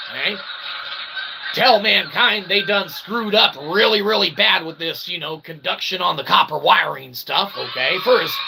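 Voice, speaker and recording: A man, an independent researcher who vlogs, delivers a loose, irreverent monologue packed with slang and mock-grand phrasing, frequently pausing to say "okay" or "all right" to the listener. His fairly high voice is bright and pushed, with vocal fry. The low-quality recording has slight background noise.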